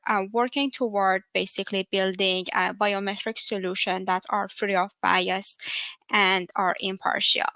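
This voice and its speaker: Bright-voiced Iranian woman giving a tech talk. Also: medium pitch, clean tone, no room sound. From Iran. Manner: earnest, measured, with frequent fillers. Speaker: conference speaker, research scientist. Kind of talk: technical talk. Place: home, via video call.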